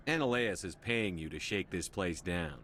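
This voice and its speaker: A blunt deep-voiced commander. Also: male voice, expressive, normal speed, fairly bright tone. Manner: blunt, terse, confident. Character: tough human male military commander.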